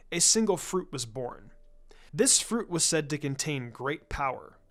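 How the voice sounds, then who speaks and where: A fan fiction narrator with a mid-range voice reads a scripted story expressively and dramatically, drawing out phrases for effect.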